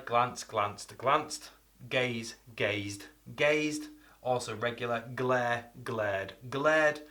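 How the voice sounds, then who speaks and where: A man's voice: mid-range voice, sharp tone. A man teaching English vocabulary in a chatty video lesson, acting out little example lines as he explains.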